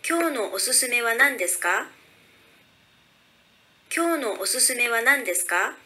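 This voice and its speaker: A woman reading short phrases very slowly and carefully as a pronunciation model. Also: a little high, expressive, bright, forceful tone. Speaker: native speaker reading phrases.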